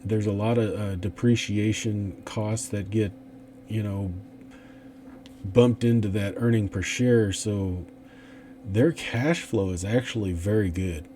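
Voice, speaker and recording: A man's voice: lowish voice, slow, dark tone, slight background noise. A man hosting an investing channel, talking through stock picks in a casual, rambling way with many fillers and restarts. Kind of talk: casual stock analysis talk.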